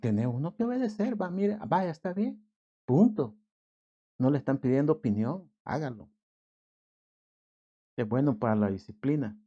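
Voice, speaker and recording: A male pastor with a Salvadoran accent giving a conversational sermon, acting out short everyday scenes in quick voices. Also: mid-range voice, lively intonation, dark tone, slightly rough, muffled recording. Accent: Salvadoran Spanish. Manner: conversational preaching, acts out little scenes in quick put-on voices.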